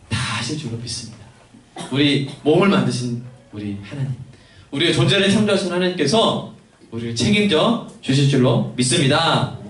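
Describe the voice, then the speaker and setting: A male pastor preaching a sermon in a lively way, acting out little conversations for his congregation. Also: fairly high pitch. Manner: animated, acts out dialogue. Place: church sanctuary. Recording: echoey church hall, mic at a distance, faint noise.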